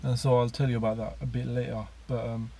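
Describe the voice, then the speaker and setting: A man's voice: medium pitch, little pitch movement, quick pace, vocal fry, warm tone, slight background noise. A man telling his personal story in a casual monologue, rambling with many fillers and restarts.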